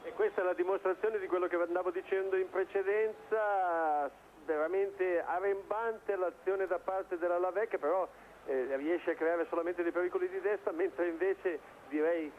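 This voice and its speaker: Guy doing football analysis, kinda high voice, stop-start and repetitive, dull tv sound w stadium noise. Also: steady tone, moderate pace. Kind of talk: live analytical football commentary. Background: stadium crowd noise.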